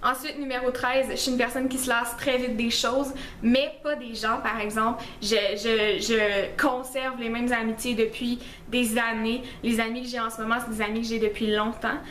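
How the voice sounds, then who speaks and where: With a Québécois French accent, a young woman runs through facts about herself in a casual list-style beauty vlog, poking fun at herself and using many fillers. Her slightly high, slightly bright voice shows little pitch movement, moving at normal speed with few pauses. The audio is reverberant with a little hiss or hum.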